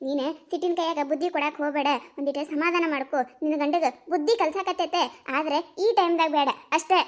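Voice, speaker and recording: A woman with a North Karnataka Kannada accent voices village women in a cartoon comedy. Her voice sits very high, and she swings between chiding and wailing. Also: steady tone, fast talker. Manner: plays several village women, scolding and wailing. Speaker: voice artist for village cartoon characters.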